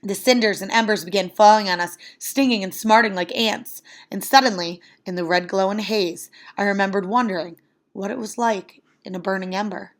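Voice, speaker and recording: Woman, audiobook-style reading, even, plain narration. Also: medium pitch, normal speed. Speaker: reader. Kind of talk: reading a novel aloud.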